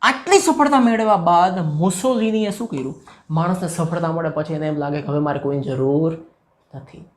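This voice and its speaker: Male teacher, lively classroom explainer who asks questions as he goes. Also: a little high, brisk. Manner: lively, acts out quoted voices and asks students questions. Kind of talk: explaining a school history chapter.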